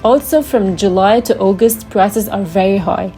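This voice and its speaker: A woman's voice: medium pitch, normal speed, mellow, roomy sound, soft background music, poor audio. A young woman from Lebanon giving travel tips in a friendly, explanatory scripted vlog. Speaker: travel vlogger.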